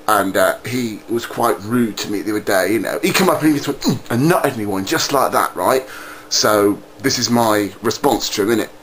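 A man's voice: on the low side, normal speed, background noise. A man ranting to camera in a brash, rambling way, full of street slang. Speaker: vlogger. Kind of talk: comic rant to camera.

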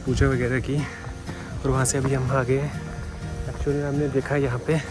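A vlogger in his twenties films himself on a hillside with a phone held at arm's length, chatting casually to viewers and calling them bhai in a travel vlog. His mid-range voice is flat and unhurried over music.

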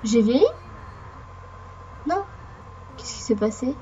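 A let's play gamer, she talks in a hoarse voice from a cold, sniffling as she chats and rambles through casual gameplay commentary aimed at both the game and her viewers. Her pitch sits on the high side, and she is very animated, though her pace is slow and her tone warm. The sound is lo-fi with slight background noise.

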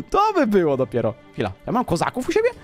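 A man's voice: on the high side, huge pitch swings, fast talker, faint music behind. A man commenting casually on his own strategy game play, boastful and playful, talking straight to his viewers. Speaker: gaming commentator.

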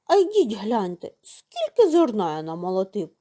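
A woman voicing a hardworking, patient little rooster in a storybook tale, calling out loudly and asking pointed questions. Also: mid-range voice, wildly swooping pitch, moderate pace. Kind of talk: storybook character voice.

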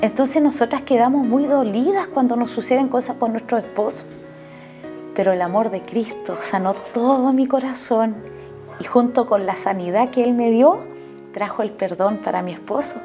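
A Chilean woman shares her faith testimony in a TV interview, her voice sitting a little high. She speaks earnestly and keeps turning to address the pastor. Soft music plays faintly underneath. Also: normal speed. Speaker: guest giving a testimony.

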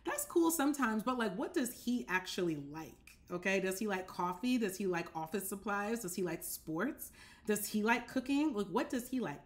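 A young woman hosting a casual dating-advice talk from her apartment, speaking straight to the camera, animated and direct, often checking that listeners follow. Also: mid-range voice, normal speed. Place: apartment living room, indoors.

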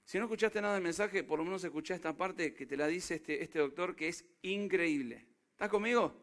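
A man's voice: sits high, a little fast, fairly bright tone. A man with a River Plate Spanish accent preaching a sermon, emphatic and often asking the congregation questions. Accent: Rioplatense Spanish. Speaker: pastor.

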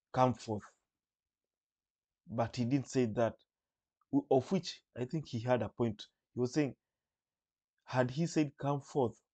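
A male preacher teaching from the Bible, reading verses aloud and slowly repeating phrases to explain them. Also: medium pitch, warm tone, breathy edge. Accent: Kenyan.

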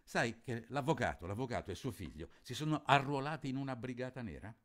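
A man's voice: mid-range voice, lively intonation, fairly quick, a bit bright, voice pushed up, close to an everyday voice. A man reading as a stern, anxious father. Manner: urgent, reproachful warnings. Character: stern, anxious middle-aged father scolding his son.

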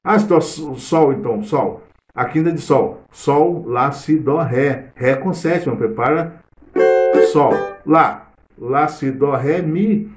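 A middle-aged Brazilian Portuguese-accented man teaches a casual live cavaquinho lesson, chatting through theory as he plays and humming or singing short bits. His voice is fairly high and slow. The room is echoey with loud cavaquinho playing, though the music behind his voice sounds faint.

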